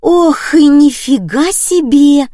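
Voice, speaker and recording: A woman's voice: medium pitch, fairly even intonation, moderate pace, clean tone, dry recording, clean studio sound, close to an everyday voice. A woman voicing a naive young woman who exclaims in a childlike way. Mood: astonished.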